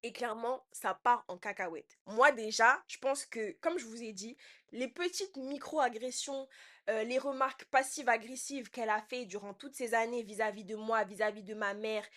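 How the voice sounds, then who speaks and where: A young woman telling a personal story in casual slang, swinging between quiet asides and loud outbursts. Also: on the high side, moderate pace. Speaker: podcast host.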